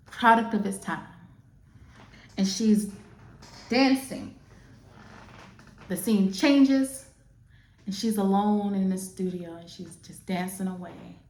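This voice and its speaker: A woman chatting casually while doing makeup, retelling a movie in a sassy, animated way. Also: mid-range voice, reverberant. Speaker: makeup artist.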